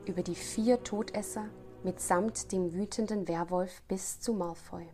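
A woman's voice: medium pitch, a little mellow. A woman reading a novel passage aloud in dramatic, tense scripted narration. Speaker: guest reader. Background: faint music.

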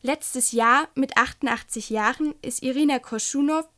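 A woman reading a children's book aloud and talking gently to young listeners. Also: high voice, normal speed. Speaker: storyteller.

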